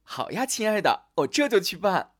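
Man doing a weepy fretful young woman, high voice, storybook figure. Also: sing-song, moderate pace, breathy edge, heavily acted. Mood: cheerful. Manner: sobbing, wailing worry. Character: young woman Elsa, anxious overthinker, weeps easily.

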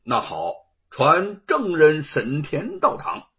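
A man doing a flat-voiced old-time magistrate. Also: a little high, full character voice. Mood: impassive. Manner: flat, measured, official. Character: flat-voiced male magistrate judging a case. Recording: dull lo-fi recording.

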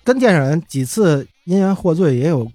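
A man's voice: a little high, sing-song, fairly quick, warm tone, no room sound. A middle-aged man with a Beijing accent, telling stories casually as an interview guest in an easygoing, colloquial way that often repeats itself. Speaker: interview guest, former magazine editor. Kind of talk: casual storytelling.

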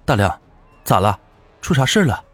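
A man's voice: mid-range voice, lively intonation, a little fast, slightly rough, dry recording, soft background music, voice pushed up. A man voicing a blunt village man in a spoken ghost story, talking in a brusque, rustic way. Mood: concerned. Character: middle-aged village man, blunt and gruff.

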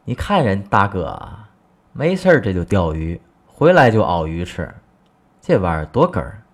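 A man's voice: low voice, big pitch swings, moderate pace, full character voice. A man voicing an envious, nagging middle-aged housewife, in a coaxing, wheedling tone.

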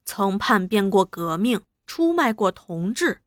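A woman voicing a frightened male prisoner who talks to himself in a quiet, brooding way. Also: mid-range voice, big pitch swings, takes it slowly, no room sound, studio quality. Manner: quiet, brooding inner monologue.

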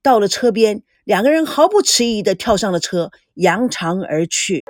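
A woman narrating an audiobook novel in an expressive storytelling manner, voicing every character herself. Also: medium pitch, normal speed, dry recording, clean studio sound.

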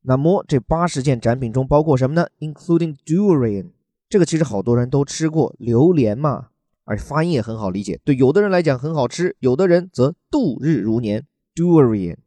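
Chatty english teacher guy from china, spells words out, dark mellow voice, dry close mic. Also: mid-range voice, expressive, normal speed, no room sound. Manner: chatty, joking asides, spells words out letter by letter. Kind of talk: explaining English vocabulary from a news article.

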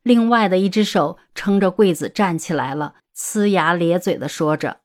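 A woman tells the story in a steady, even reading voice that sits a little low. She narrates the scripted audiobook at a measured pace.

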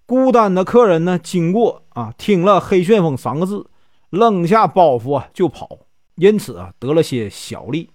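A man's voice: high voice, sing-song, moderate pace, dry recording, clean studio sound. A man with a Northeastern Mandarin accent telling a classic novel as a chatty storyteller, drawing out his sentence particles.

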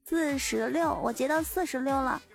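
Teasing female co-host, high voice, clear music bed. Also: normal speed. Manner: teasing, exclaiming, laughing. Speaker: livestream co-host. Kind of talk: casual livestream chat.

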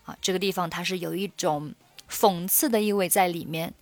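A woman's voice: lowish voice, no echo, faint music behind. Patient Mandarin-speaking woman teaching English. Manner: patient, repeats key words slowly. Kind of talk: explaining English phrases in Mandarin.

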